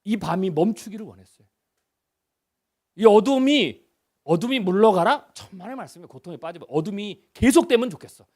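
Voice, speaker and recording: With a high, expressive voice and a fairly quick pace, a man in his fifties delivers a revival sermon as a guest pastor. He keeps it chatty, fires off rhetorical questions, and alternates loud emphasis with hushed lines.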